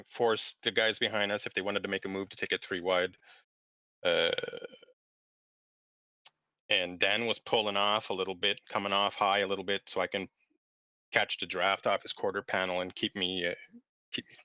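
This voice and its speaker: Bright, lowish man from Canada, lo-fi. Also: steady tone, normal speed, long pauses, clean tone, no echo. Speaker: racing driver being interviewed. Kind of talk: casual interview chat.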